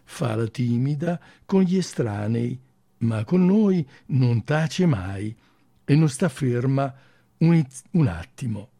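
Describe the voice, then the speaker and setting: Male radio host, gentle and effusive, unhurried delivery, dry close sound. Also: medium pitch, animated, no echo. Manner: gentle and effusive, with small restarts. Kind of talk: live radio hosting and reading a fairy tale aloud.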